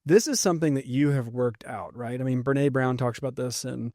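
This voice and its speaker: A man's voice: mid-range voice, fairly quick, a little mellow, dry recording, clean studio sound. A man co-hosting a podcast, talking animatedly, acting out quotes and often checking in with "right?". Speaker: podcast co-host. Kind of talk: casual podcast conversation.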